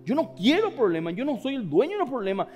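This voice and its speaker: High-voiced pastor, passionate sermon. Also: male voice, sing-song, quick pace, soft background music. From Paraguay. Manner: passionate preaching with sudden shouts and hushed asides; acts out voices of the people in the story.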